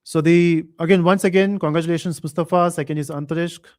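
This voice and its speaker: A man hosting a live online quiz, reading chat comments aloud and thinking out loud with fillers. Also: on the high side, fairly even intonation, fast talker. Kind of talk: casual live stream chat.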